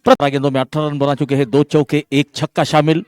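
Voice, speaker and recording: A man giving live ball-by-ball cricket commentary, with excitable, drawn-out calls on the big moments. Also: a little high, no room sound, clean studio sound.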